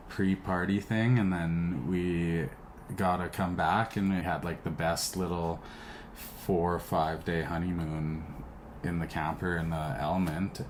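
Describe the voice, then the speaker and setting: A man's voice: low-pitched, slight background noise. A man co-hosting a casual chat, rambling with lots of filler words. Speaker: co-host, groom.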